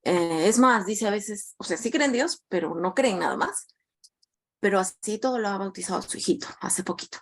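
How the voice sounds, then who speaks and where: A woman's voice: medium pitch, animated, moderate pace. A woman student recounting a personal anecdote in class, hesitant, with many restarts and tag questions.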